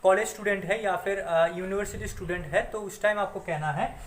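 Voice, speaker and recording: A man from India teaching Japanese phrases in a spoken lesson, with a slow, careful delivery of model phrases between quicker explanations. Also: high-pitched, echoey room. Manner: fillers and restarts while explaining.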